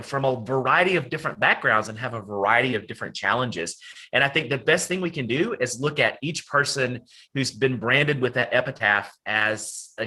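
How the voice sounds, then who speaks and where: Man, Appalachian accent, bright forceful tone, informal online presenter, discursive, folksy academic wording. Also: mid-range voice, rough recording. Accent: Southern Appalachian. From Southern Appalachia, United States. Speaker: academic presenter, college dean. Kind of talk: informal online talk to participants. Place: at home, on a video call.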